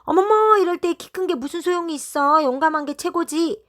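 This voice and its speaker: A woman voicing a group of anxious young mothers who chatter in excited, high voices. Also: brisk. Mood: flustered.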